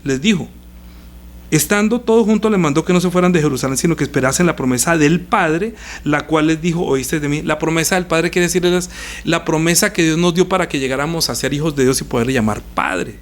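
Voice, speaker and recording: A man preaching a live-streamed sermon, reading scripture aloud and repeating phrases. He swings from loud emphasis to hushed lines. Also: on the high side, a little fast.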